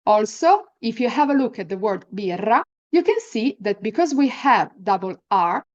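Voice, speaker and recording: Lively woman teaching rolled-R pronunciation. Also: on the high side, dull audio. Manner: demonstrates rolled R sounds, enunciating example words deliberately; encouraging. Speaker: Italian language teacher. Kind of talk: pronunciation lesson with slow, repeat-after-me example words.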